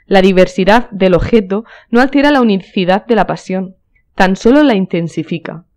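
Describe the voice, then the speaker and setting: A worldly, cynical nobleman from a storybook, delivering his epigrams like lessons, as a woman narrator reads him. His voice is mellow and dark, sitting in a middle pitch. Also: normal speed, lightly acted. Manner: epigrammatic, lecturing. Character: witty cynical male aristocrat.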